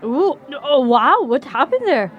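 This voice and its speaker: A woman with a slightly high voice chats casually on a walk outdoors. She teases and jokes in a playful way. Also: big pitch swings, a little slow, highs cut off, faint music behind. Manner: playful, teasing. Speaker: podcast co-host.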